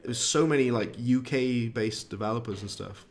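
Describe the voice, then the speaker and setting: Chatty streamer, joking. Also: male voice, mid-range voice, normal speed. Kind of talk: casual live-stream commentary.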